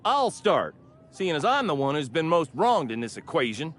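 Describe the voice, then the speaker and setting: An actor playing a brash, hotheaded salvager in a video game, blustering and indignant. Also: male voice, on the high side, big pitch swings, normal speed, a bit bright. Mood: aggrieved. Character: brash squabbling male salvager, hotheaded drinker.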